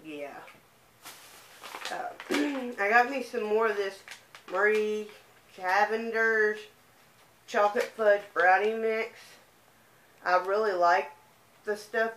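A woman's voice: medium pitch, a bit bright, slight background noise. A young woman with a lisp and a speech impediment, chatting casually as she shows off items from a shopping haul. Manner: chatty, easygoing, unhurried show-and-tell. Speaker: vlogger. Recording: echoey room.

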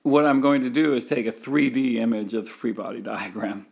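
A man's voice: mid-range voice, little pitch movement, a little fast, vocal fry, a little mellow, slightly rough. A man giving a recorded engineering lecture, walking through a diagram step by step with frequent fillers and restarts.

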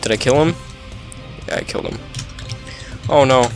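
In a mid-range voice at normal speed, a young man comments casually on his own gameplay, poking fun at himself. Mishaps set off yelps and laughter, and there's faint music behind him.

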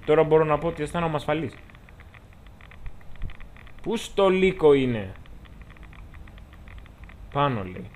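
A man's voice: fairly high pitch, big pitch swings, long pauses, darkish tone. Greek man chatting through a game. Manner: chatty, jokey, talks to the game characters. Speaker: gameplay commentator. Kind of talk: let's-play commentary.

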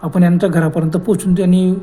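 A man voicing a tipsy friend, suddenly sober and alarmed, urges in excited bursts with a high, mellow voice. The tone is part of a spoken village ghost story. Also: fast, natural voice. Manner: excited, urgent. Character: drunk male friend of the driver, jolted awake.

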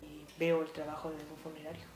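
Mexico City woman, lively storyteller. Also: low voice, fast, echoey room, music in the background. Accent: Mexico City Spanish. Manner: lively storytelling with frequent fillers. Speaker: funeral director and embalmer. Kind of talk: casual interview. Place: small art-filled room indoors.

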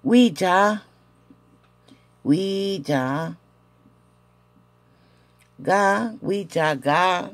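A woman teaching a casual language lesson at home, patiently repeating each example with frequent "eh" pauses. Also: fairly low pitch, animated, no echo.

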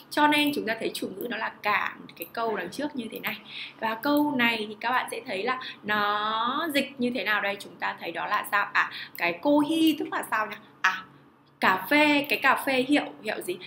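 Cô giáo trẻ giảng bài sôi nổi, giọng sáng. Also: female voice, mid-range voice, roomy sound, slight background noise. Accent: Vietnamese. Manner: animated, asks rhetorical questions and answers them. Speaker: Japanese teacher. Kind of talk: online language lesson.

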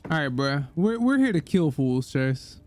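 A young man with a slightly high voice plays a video game with a friend. He bosses and teases in casual slang. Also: very animated, unhurried, a little mellow. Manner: teasing, bossy, slangy. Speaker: gamer in co-op let's play. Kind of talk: casual gaming banter.

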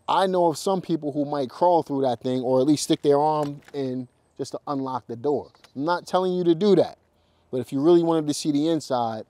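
A man's voice: mid-range voice, a little mellow, dry recording. A man, a real estate investor, chatting casually to viewers in a walk-through vlog, talking straight to the camera with lots of fillers and restarts. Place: outdoors at a house, then in a car.

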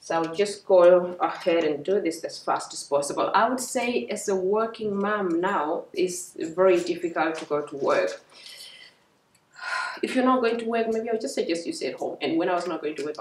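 A woman's voice: fairly low pitch, animated, moderate pace, slight background noise. A young woman, a working mother, chatting casually in a vlog and explaining step by step with fillers. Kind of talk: casual vlog talk to camera. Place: home, indoors. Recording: echoey room, mic at a distance.

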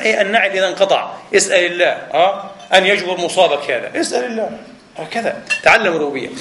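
A man giving a sermon-style lecture, animated, who keeps asking rhetorical questions and answering them himself, with a Palestinian Arabic accent. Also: high-pitched. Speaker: preacher. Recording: echoey hall.

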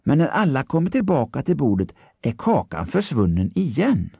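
A man narrating a children's story, expressive and storytelling. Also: medium pitch, gravelly, breathy edge, no echo, clean studio sound.

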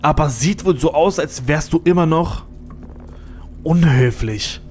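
A man's voice: on the high side, measured pace, a little mellow, faint music behind, lightly acted. A man voicing a menacing male stalker who pleads falsely and then threatens. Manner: sneering, threatening, falsely friendly.

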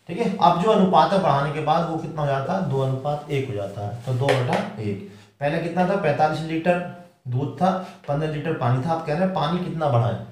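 A man's voice: medium pitch, darkish tone. A man with a Hindi accent teaching an exam-prep math lesson step by step, asking questions aloud and then answering them himself. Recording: echoey room from far off.

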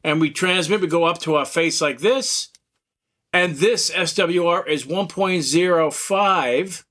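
A man's voice: a little high, measured pace, bright, forceful tone. A man hosting a radio hobby video, talking bluntly and emphatically while demonstrating gear. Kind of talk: casual demo talk.

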